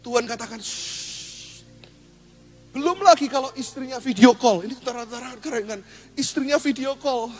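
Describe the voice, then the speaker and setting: A man pastor, preaching a lively, humorous sermon and asking the congregation questions. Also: extremely high pitch, fast, music in the background.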